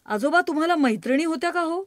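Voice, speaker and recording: Woman putting on a little granddaughter voice, high and piping, pert questions, dry close sound. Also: expressive, quick pace, no echo. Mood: curious. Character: cheeky little granddaughter teasing her grandfather.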